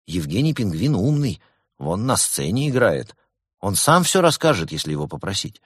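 A man's voice: fairly low pitch, normal speed, husky, no room sound, studio quality. A man doing a sugary good-cop lieutenant. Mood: coaxing. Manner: calm, coaxing, falsely sweet. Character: same animal lieutenant turned soft, sugary good cop. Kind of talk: audiobook character voice.

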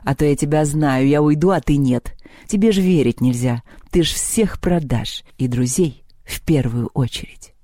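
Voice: mid-range voice, moderate pace, mellow, no room sound, clean studio sound, close to an everyday voice. Чтец изображает насмешливую древнюю злодейку, язвительную и хитрую, мягкий тембр. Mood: mocking. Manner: mocking, giggling, sarcastic. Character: scheming ancient female villain Koschei.

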